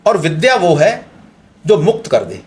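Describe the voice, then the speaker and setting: Man explaining spiritual ideas, fairly high voice. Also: huge pitch swings, measured pace. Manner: explanatory, philosophical, uses everyday examples. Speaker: guest speaker on spirituality. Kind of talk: unscripted interview.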